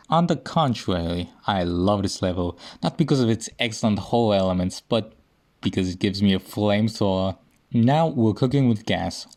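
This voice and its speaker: Young male gaming host, slightly low voice, loose self-deprecating humor. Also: darkish tone. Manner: joking, self-mocking, rambling. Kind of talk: casual gameplay commentary.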